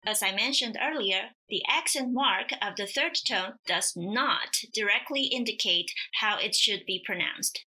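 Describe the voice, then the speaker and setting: Slow, careful woman teaching pronunciation. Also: mid-range voice, bright, forceful tone. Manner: slow, careful, demonstrative delivery. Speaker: language teacher. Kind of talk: scripted pronunciation lesson.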